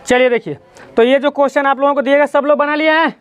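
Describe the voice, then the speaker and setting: Male teacher, high voice, dull lo-fi sound, explaining step by step in a classroom. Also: steady tone, quick pace. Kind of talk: classroom grammar lesson.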